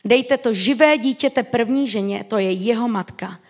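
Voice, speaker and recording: A man preaching who voices a stern, wise ancient king handing down judgment, in a commanding, raised voice. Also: extremely high pitch.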